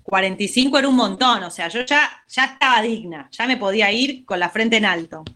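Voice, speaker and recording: Speaking a little fast in a fairly high pitch, a woman with an Argentine Spanish accent recounts a story as a guest in a casual interview. She's animated and acts out the quotes of the people involved.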